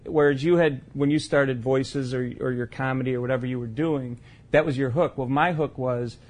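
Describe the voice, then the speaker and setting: A man talks as a guest on a podcast. His voice sits at a middle pitch, and he speaks in a plain, matter-of-fact way while making his case. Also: steady tone, moderate pace, darkish tone. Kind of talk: casual chat.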